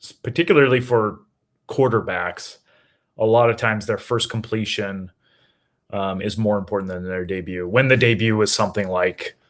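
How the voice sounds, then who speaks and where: Low-voiced man, measured chat. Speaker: podcast co-host. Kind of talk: casual chat.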